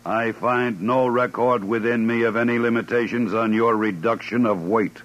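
An actor in an old radio play voicing a too-smooth, polite male robot servant who speaks in a measured, mechanical way. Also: mid-range voice, steady tone, lightly acted. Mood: calm. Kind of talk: 1950s radio drama acting. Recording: dull old radio broadcast.

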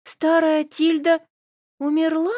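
A woman reading an audiobook and voicing a lively, pushy young woman friend who talks emphatically and coaxes insistently. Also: high-pitched, normal speed, no echo, studio quality, pitched above the performer's own voice. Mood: shocked. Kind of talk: audiobook character voice.

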